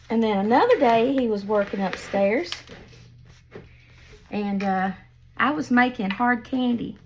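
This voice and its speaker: A woman's voice: on the high side, a little hiss or hum. An older woman, chatting folksily as she tells family stories and shows a craft project at home. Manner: folksy, chatty, laughs at her own stories. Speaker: craft vlogger. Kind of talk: casual storytelling and craft demo.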